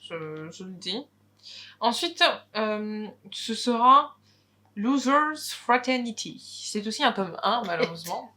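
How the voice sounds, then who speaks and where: A woman's voice: medium pitch, expressive, a little slow, a bit bright. A woman co-hosting a book video, chatting casually about new releases with many hesitations.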